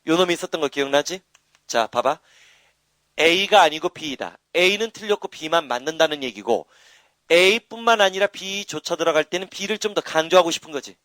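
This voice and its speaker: A man's voice: a little high, no echo. A man giving a live English grammar lecture, nudging students with constant rhetorical questions and boastful asides. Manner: animated, prods students with rhetorical questions and tags.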